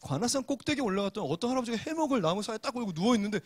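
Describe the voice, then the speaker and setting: A male pastor giving a joking, lively sermon to young adults, acting out quotes with loud exclamations. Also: very high-pitched, very fast.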